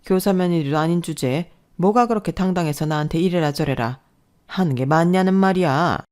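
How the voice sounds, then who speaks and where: A woman's voice: lowish voice, lively intonation, moderate pace, a little mellow, voice pushed up, lightly acted. A woman voicing a domineering, scornful older mother-in-law who scolds and belittles. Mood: scolding. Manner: scolding, contemptuous.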